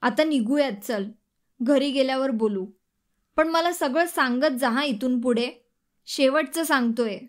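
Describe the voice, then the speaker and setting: A woman voicing a caring young husband in an audiobook, gentle and coaxing. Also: sits high, a little slow. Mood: soothing. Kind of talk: audiobook dialogue reading.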